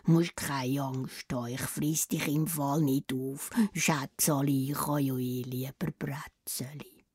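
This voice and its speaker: A woman voicing a timid, frightened young male wolf, speaking low, hushed and stammering, with a Swiss German accent. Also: steady tone, slow, breathy edge, exaggerated voice. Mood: sheepish.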